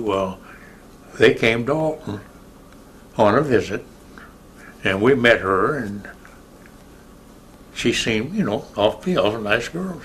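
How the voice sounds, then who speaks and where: An older American man casually recalling his life for an oral history interview, in a rambling, halting way with pauses to remember. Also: fairly low pitch, sharp tone. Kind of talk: casual spoken reminiscence.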